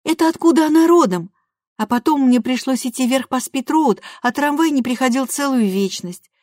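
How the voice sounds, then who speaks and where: A woman's voice: high voice, lively intonation, normal speed, darkish tone, no room sound, studio quality, voice pushed up. A woman voicing an eager, defiant teenage girl who pleads and insists, in an audiobook. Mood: pleading. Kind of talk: audiobook character voice.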